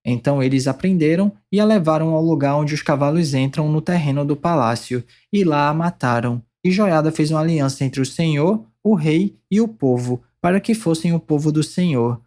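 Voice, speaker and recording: Mellow-voiced man reading scripture aloud. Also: on the high side. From Brazil. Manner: steady, measured reading with pauses between phrases. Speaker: Bible reader.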